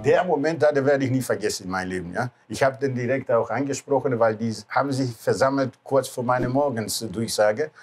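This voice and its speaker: A sixties-aged cruise ship captain from Greece reminisces in a mid-range voice that runs a little fast with hardly any pauses, amid slight background noise and background music. His casual, non-native speech has a Greek accent, loose grammar and many short questioning tags.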